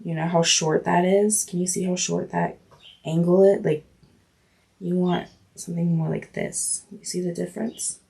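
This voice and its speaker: A woman's voice: lowish voice, fairly even intonation, normal speed, vocal fry, a little mellow, slightly rough. A woman with a cold teaching a live drawing lesson, chatty and apologetic, with many fillers. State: has a cold, coughing. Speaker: art instructor. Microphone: livestream setup.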